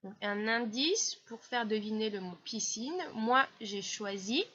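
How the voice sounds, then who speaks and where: A woman from France teaches a class in a slow, patient voice, walking through each step. Her voice is bright and a little high. The recording sounds slightly dull and lo-fi. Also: lively intonation. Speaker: primary school teacher. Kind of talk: classroom explanation.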